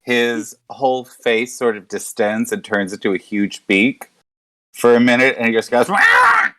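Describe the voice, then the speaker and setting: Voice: medium pitch, steady tone, moderate pace. A game player with casual, wry storytelling at a tabletop session, describing a character's actions.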